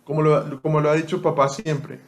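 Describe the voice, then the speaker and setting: A man's voice: on the high side, flat delivery, brisk. A young man teaching a Bible study to an online group, conversational and often asking listeners to respond.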